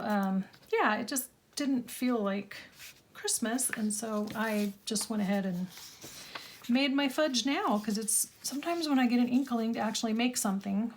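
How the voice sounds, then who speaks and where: A middle-aged woman, a little croaky, chatting casually and rambling as she crafts in her home studio, laughing at herself often. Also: on the high side, a little hiss or hum. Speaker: craft channel host. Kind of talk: casual chat while crafting.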